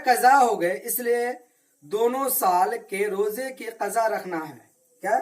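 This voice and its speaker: A man teaching an Arabic reading and religious lesson to children. He asks questions, answers them himself, and repeats each point slowly. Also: very high-pitched. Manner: slow, repetitive drilling.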